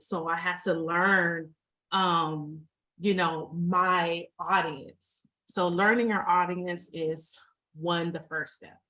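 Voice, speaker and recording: A woman with a somewhat low voice talks through practical advice as a guest speaker on a video call. Her delivery is informal and halting, full of fillers and restarts, and she often repeats a phrase before moving on. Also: bright, forceful tone, poor audio. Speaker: mental health first aid responder, guest speaker. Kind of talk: informal presentation to an online group.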